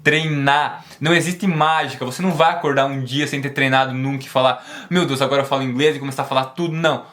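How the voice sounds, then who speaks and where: A man teaching an online English lesson, emphatic and encouraging, drilling words slowly and repeating them. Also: medium pitch, a bit bright.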